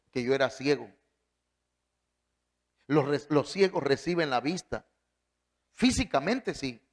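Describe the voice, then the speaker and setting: Preacher, male, emphatic, fairly high voice, swings his pitch widely. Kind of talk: sermon.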